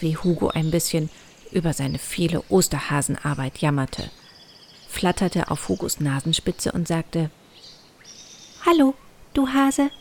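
A woman reading a children's story aloud in a calm, clear, unhurried way. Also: lowish voice, slight background noise.

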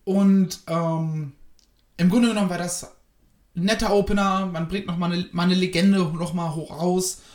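A man's voice: high-pitched, steady tone, normal speed, darkish tone, echoey room. A man giving a casual spoken review of a wrestling show, hesitant and rambling with many fillers.

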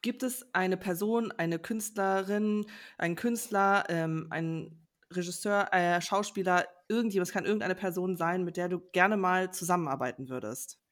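A woman's voice: lowish voice, moderate pace. A woman co-hosting a podcast, asking questions in casual chat and rephrasing as she searches for words. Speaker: podcast co-host.

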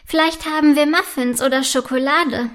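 A woman plays young princess, lively and caring, high bright voice. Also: normal speed.

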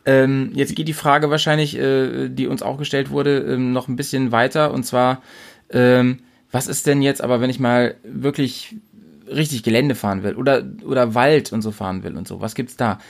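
A man's voice: mid-range voice, fairly even intonation, moderate pace, gravelly. A man co-hosting a casual podcast chat, thinking aloud in an easy way with frequent fillers. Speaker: podcast co-host.

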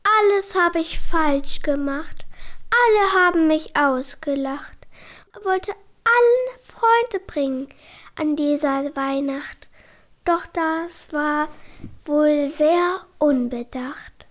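A woman voicing a small, eager young female mouse in a rhyming storybook, squeaky and breathless. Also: animated, slow pace, fairly bright tone, exaggerated voice. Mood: sad.

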